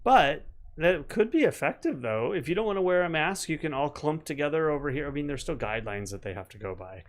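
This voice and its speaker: A man's voice: fairly high pitch, lively intonation, a little fast. A middle-aged man hosting a casual live-stream chat, easygoing and given to long explanations. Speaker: host.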